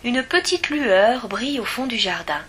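Woman storyteller reading a children's story, slow, bright, expressive. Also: on the high side, slightly rough.

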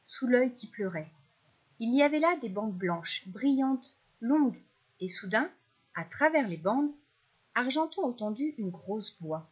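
A woman reads a children's story in a gentle, expressive way. Her voice sits slightly high. The recording is dull and lo-fi. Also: breathy edge.

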